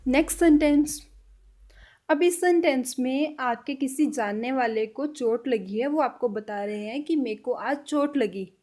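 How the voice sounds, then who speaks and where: A woman with a high voice gives a casual spoken language lesson. She repeats each example phrase slowly and deliberately, and she drops English words into her explanations. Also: a little mellow. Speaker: language teacher.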